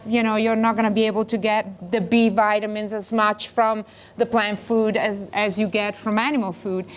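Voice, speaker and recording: A middle-aged woman from northern Italy, talking earnestly in long flowing phrases as a wellness co-host. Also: fairly high pitch. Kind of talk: casual conversation.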